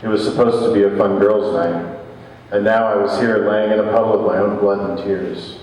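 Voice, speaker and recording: A man reading a first-person story aloud at a live event, in a somber, measured way. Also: on the low side, steady tone, a little mellow. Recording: echoey hall, distant mic, faint hum.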